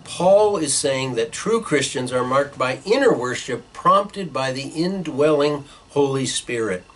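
A man's voice: mid-range voice, a bit bright, poor audio. A middle-aged man preaching a sermon from a small office, teaching earnestly with hand gestures and some fillers, recorded by a desk webcam. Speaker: pastor. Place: small church office with bookshelves, indoors.

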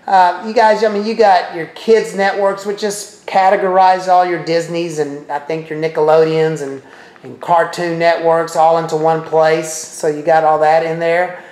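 A man's voice: a little high, level tone, moderate pace, a little mellow. A middle-aged man casually walking viewers through a TV streaming service, thinking aloud with chatty asides as he clicks around. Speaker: presenter demonstrating a TV streaming service. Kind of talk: casual walkthrough talking to viewers. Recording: roomy echo.

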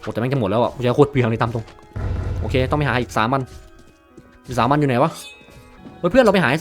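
A young man giving casual gameplay commentary, bursting into loud, swearing, excited yells. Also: mid-range voice, quick pace, soft background music. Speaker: gaming video host.

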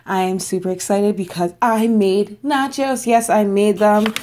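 A woman's voice: medium pitch, steady tone, measured pace, dark tone. A young woman vlogging from home in a casual eat-with-me chat, bubbly and chatty, talking between bites while losing her voice. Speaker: mukbang vlogger.

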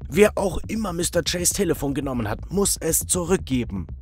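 A man's voice: fairly high pitch, animated, brisk, soft background music, voice pushed up, natural voice. A man voicing an exasperated teenage boy at a camp. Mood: fed up.

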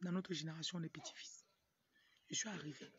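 She has a deep, husky, slightly bright voice with a steady tone, talking a little fast on a dry recording. A young woman with a Cameroonian French accent, from Cameroon but raised in Tonga, she's a motivational speaker and livestream host giving an informal talk to camera, often breaking into asides. Filmed outdoors in a yard with a phone at arm's length, the audio is muffled and noisy, with a rooster crowing and background noise.

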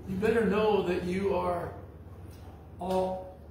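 Pastor guy preaching, folksy n blunt, high-ish voice, sounds far from the mic. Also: level tone, slow pace, a little mellow, a little hiss or hum. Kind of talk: sermon. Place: church sanctuary. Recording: echoey church hall from far off.

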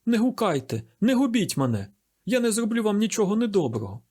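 A man's voice: high-pitched, sing-song, a little fast, a little mellow, slightly rough, pitched above the performer's own voice, heavily acted. A man reading an audiobook, voicing a desperate young male fugitive who begs frantically. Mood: pleading. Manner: pleading, frantic.

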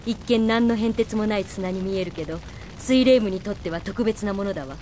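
In a Japanese anime-style radio drama, a woman plays a bold, confident young fighter, her delivery assured, spirited, cool and taunting, though only lightly acted. Her mid-range voice is brisk and a little mellow. Music plays behind her, with a bit of hiss or hum.

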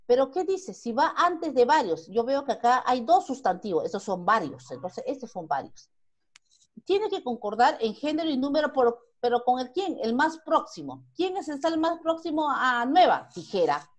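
A woman's voice: high-pitched, very animated, normal speed. A Peruvian woman teaching a primary school grammar lesson online, who asks the class questions and then answers them herself. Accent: Peruvian Spanish.

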